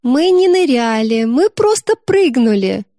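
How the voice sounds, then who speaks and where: A woman's voice: a little high, lively intonation, a little slow, a little mellow, no room sound, clean studio sound. Woman voicing a petulant little girl. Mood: playful. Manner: whiny, petulant. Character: cheeky rebellious little girl, sulky.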